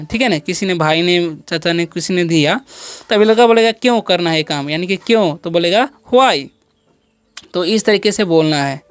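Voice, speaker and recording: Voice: medium pitch, clear, resonant tone, dry recording. Patient teacher drilling with quiz-like repetition. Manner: drills by asking and answering own questions. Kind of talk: English vocabulary lesson for children.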